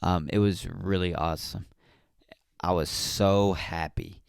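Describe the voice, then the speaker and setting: A man's voice: sits low, steady tone, slow pace, vocal fry, clean tone, no room sound, clean studio sound. A man hosting a podcast, telling a rambling casual story with slang and fillers. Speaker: podcast host.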